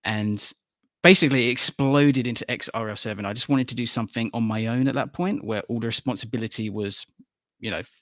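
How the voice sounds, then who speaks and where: A man's voice: mid-range voice, steady tone, brisk, a bit bright, no echo. Late-thirties guy rambling on a podcast, medium voice, laughs a lot, dry close mic. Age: late 30s. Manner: rambling, laughs easily while telling stories. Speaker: podcast guest, animator and musician. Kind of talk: casual panel chat.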